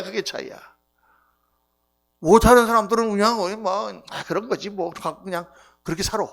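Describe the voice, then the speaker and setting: A middle-aged male pastor giving a revival sermon, telling stories and acting out quoted voices, swinging between loud outbursts and hushed lines. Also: high-pitched. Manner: animated storytelling with sharp swings between loud outbursts and near-whispers; acts out quoted voices and repeats key phrases.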